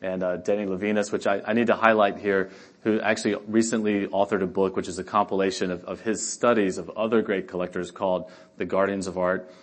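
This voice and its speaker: Male moderator with a fairly low voice, easygoing intros, gentle humor. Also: steady tone, a little fast. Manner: friendly, chatty introductions with light humor. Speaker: host, art advisor interviewing guests. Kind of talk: hosted panel conversation.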